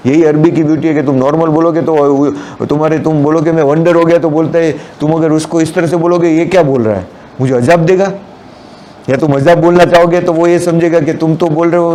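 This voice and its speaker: A man's voice: fairly high pitch, fairly even intonation, a little fast, hardly any pauses, dark tone. A man giving a Friday sermon, explaining the meanings of scripture words and mixing in English terms. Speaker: preacher.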